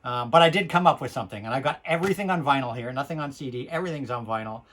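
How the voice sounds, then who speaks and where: A man's voice: mid-range voice, rapid-fire, a bit bright. A Canadian man speaking with a missing front tooth, hosting a vlog in a casual, rambling, repetitive way. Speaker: host of a record collecting vlog. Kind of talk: casual chat to viewers.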